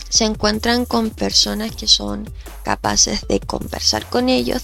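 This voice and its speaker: Her creaky, mid-range voice comes through nasal thanks to allergies as she hosts a podcast. A host and researcher, she explains ideas thoughtfully, using fillers and starting sentences over.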